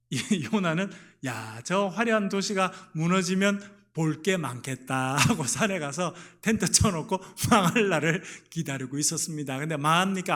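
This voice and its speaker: A middle-aged man with a notably high-pitched voice, preaching a sermon to his congregation. He tosses rhetorical questions to the listeners and answers them himself. Now and then he slips into playful, lively voices to act out the exchanges in the story. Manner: acts out lively dialogue voices in the retelling. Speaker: pastor. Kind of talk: sermon at a Wednesday prayer meeting.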